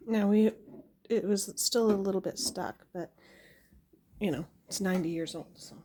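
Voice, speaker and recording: This young woman's mid-range, dark-toned voice moves at a normal speed over a little hiss or hum. Chatting casually as a homesteading vlogger, she shows an item to her camera at home, giggling and filling her talk with fillers.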